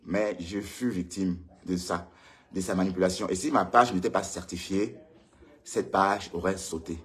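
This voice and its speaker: A man hosting his own live stream alone with a ring light. He rants heatedly at rivals, repeating his warnings, and his pitch jumps up when he gets worked up. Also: steady tone, normal speed. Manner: heated, repetitive, addresses rivals directly. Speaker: online show host. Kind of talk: solo live-stream rant.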